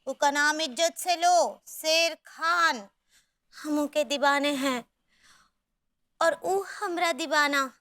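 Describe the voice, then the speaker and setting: An actress playing a naive, feisty village housewife who speaks in a with a high, sing-song manner. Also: female voice, takes it slowly, long pauses, pushed and bright, no echo, clean studio sound, full character voice. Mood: indignant. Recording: noisy TV sitcom sound.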